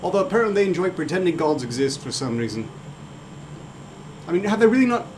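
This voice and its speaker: A man's voice: sits high, very animated, quick pace, noisy background. A man chatting in character in fantasy improv, blunt, swaggering and crude.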